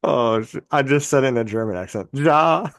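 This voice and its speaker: A man's voice: medium pitch, fast, no echo, studio quality. A man co-hosting a podcast in a casual chat, rambling, swearing and laughing at his own jokes. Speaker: podcast co-host.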